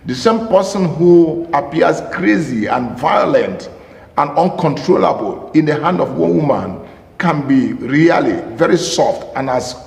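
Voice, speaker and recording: A man's voice: a little high, gravelly. A man, a pastor and marriage counselor, giving an emphatic teaching talk to camera, repeating key phrases and asking rhetorical questions. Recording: roomy with long reverb.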